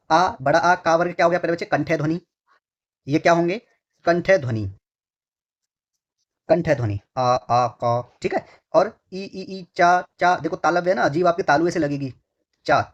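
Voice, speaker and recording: A man's voice: a little high, normal speed. Repetitive man drilling exam answers. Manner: drills by asking a question and answering it himself; repeats phrases several times. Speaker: Hindi exam tutor. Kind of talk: online exam-prep lesson. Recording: dull lo-fi recording.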